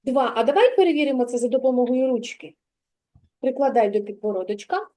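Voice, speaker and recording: A woman's voice: sits high, a little fast, mellow. A woman kindergarten teacher giving a child a one-on-one literacy lesson, patiently drawing out and stressing sounds and words.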